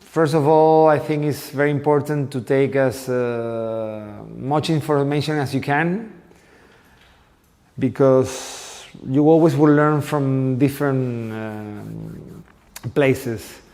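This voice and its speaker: A man's voice: medium pitch, takes it slowly, a little mellow. Man in his forties, reverberant. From Venezuela. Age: 40s. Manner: thoughtful, searching for words in a second language. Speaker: guest dance teacher. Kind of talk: interview answers.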